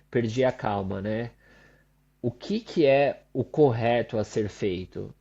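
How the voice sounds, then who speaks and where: A man's voice: medium pitch, warm tone. A man co-hosting a podcast in casual chat, reflective, ending many phrases with a questioning tag. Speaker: podcast co-host. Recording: slightly dull lo-fi recording.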